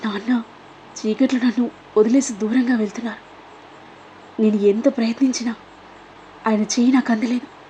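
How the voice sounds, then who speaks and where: A woman's voice: a little high, fairly even intonation, normal speed, long pauses, warm tone, a little hiss or hum, natural voice. A woman voicing a frightened young daughter held captive who speaks in a raised, shaky voice. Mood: tearful. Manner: tearful, then resolute. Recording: dull lo-fi recording.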